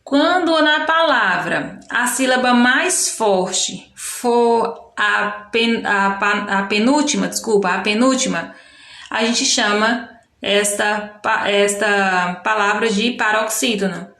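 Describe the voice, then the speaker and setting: A woman's voice: mid-range voice, a bit bright, roomy sound. A Brazilian woman teacher giving a recorded lesson to young pupils, explaining patiently and often correcting herself. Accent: Brazilian Portuguese. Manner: slow, patient explaining with frequent self-corrections. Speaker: primary school teacher. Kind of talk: recorded remote lesson walking through a textbook.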